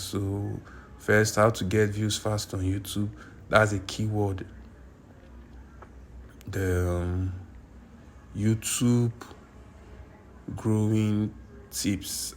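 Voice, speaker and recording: A Nigerian YouTube tutorial creator with a fairly low-pitched voice walks through a screen-recorded tutorial indoors at his computer, with a little hiss or hum in the recording. He's repetitive and insistent, repeating himself and correcting his own words as he goes.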